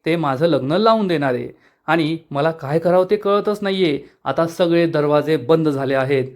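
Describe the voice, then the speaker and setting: A man's voice: fairly high pitch, normal speed, close to an everyday voice. A man voicing an angry, exasperated young woman. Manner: sharp, exasperated. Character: angry young woman facing a forced wedding.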